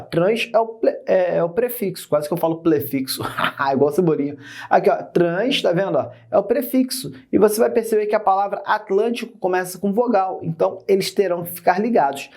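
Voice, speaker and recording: A young Brazilian man teaches a grammar lesson in a playful, chatty way, often calling the viewer "son." His voice sits high for a man, with a gravelly, creaky edge. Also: brisk, darkish tone. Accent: Brazilian Portuguese. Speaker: Portuguese teacher. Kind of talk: energetic video lesson.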